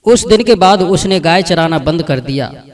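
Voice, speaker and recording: A man narrates a folk story in a plain, steady storyteller's manner. His voice sits a bit high for a man. He sounds set back from the microphone. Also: normal speed, far from the mic.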